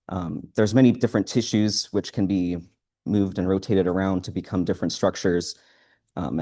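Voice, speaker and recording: A man giving a student presentation in front of a live audience, speaking in a halting, hesitant way. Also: deep voice, mellow.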